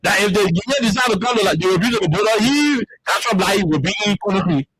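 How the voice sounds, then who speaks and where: High-voiced impassioned Liberian man. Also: animated, fast talker, a bit bright, low-quality recording. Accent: Liberian English. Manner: impassioned, repeats words when heated. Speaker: talk show host. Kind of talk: political panel commentary.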